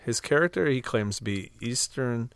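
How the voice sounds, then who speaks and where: A man's voice: mid-range voice, animated, moderate pace, fairly bright tone, clean tone, no echo. A man co-hosting a podcast, chiming in with dry, sardonic remarks in casual movie talk. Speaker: podcast co-host. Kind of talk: casual movie-review chat.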